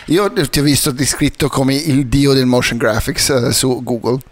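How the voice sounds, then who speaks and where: A man's voice: medium pitch, moderate pace. A man hosting a podcast, chatting casually as he interviews his guest. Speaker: podcast host. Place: podcast studio.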